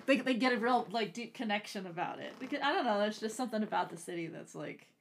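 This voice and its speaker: A woman's voice: medium pitch, animated, fast, a little hiss or hum. A woman co-hosting a casual book discussion, chatty and filling in plot details. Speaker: book podcast co-host.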